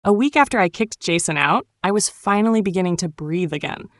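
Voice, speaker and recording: A woman narrating a dramatic first-person storytime tale in a cool, wry, sharp-tongued way. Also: lowish voice, lively intonation, a little fast, dry recording, clean studio sound.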